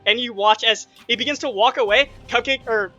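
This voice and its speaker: A man's voice: very high voice, muffled recording, faint music behind. A man acting as game master, calling rolls and damage and narrating the action in bursts. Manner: quick rules talk broken by animated narration.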